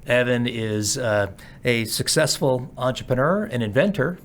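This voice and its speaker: A man's voice: medium pitch, animated, unhurried, a little hiss or hum. Man hosting an interview show. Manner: prompting, follows up with short questions. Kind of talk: podcast interview.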